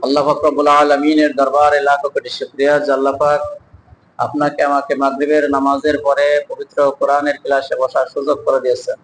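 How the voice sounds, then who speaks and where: A man teaching an evening Quran reading class, patiently drilling each letter slowly and calling on students to repeat after him. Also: mid-range voice, completely flat delivery, a little hiss or hum, low-quality recording.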